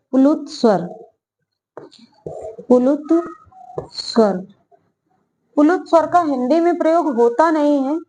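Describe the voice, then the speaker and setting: A woman gives a slow, careful grammar lesson in a fairly high voice. She repeats her phrases, asks questions and answers them herself, and stretches out vowel sounds whenever she demonstrates them. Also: mellow, a little hiss or hum, rough recording. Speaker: Hindi teacher. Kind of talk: exam-prep grammar lesson.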